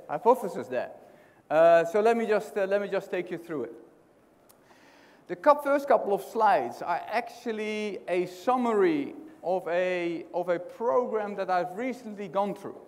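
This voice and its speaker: Speaking in a high, slightly mellow voice with a Dutch accent, a middle-aged conference speaker from the Netherlands delivers a keynote in a conversational style, frequently restarting phrases and quizzing the audience. The talk takes place in a large hotel conference hall, and the recording carries hall reverb.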